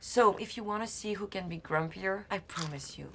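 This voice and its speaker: Unyielding female investigator played by a woman, film drama: pointed, fry-laden, mid pitch, noisy background. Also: moderate pace, natural voice. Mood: firm, irritated. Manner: cool, firm, pointed. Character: firm, unyielding female Interpol agent. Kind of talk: naturalistic film acting.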